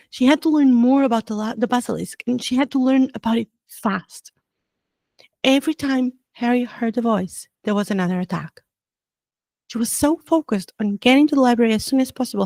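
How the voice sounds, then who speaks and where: A woman narrating a storybook aloud at a steady, even pace with some dramatic lifts. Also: on the high side, dry recording. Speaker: audiobook reader.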